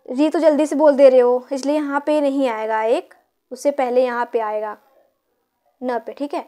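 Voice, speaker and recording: A woman's voice: high voice, steady tone, moderate pace, warm tone. A woman teacher explaining a grammar lesson, counting syllables aloud and asking her pupils questions.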